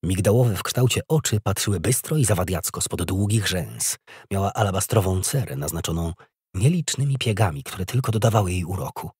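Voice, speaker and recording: A man narrating an audiobook in a measured, expressive reading. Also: fairly low pitch, slightly rough, no echo, studio quality. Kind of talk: scripted narration.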